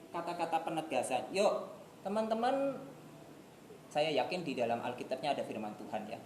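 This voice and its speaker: A woman's voice: deep voice, a little mellow. A woman teaching a youth group in casual classroom style, chatty and acting out little scenes between friends. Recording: echoey room with faint noise.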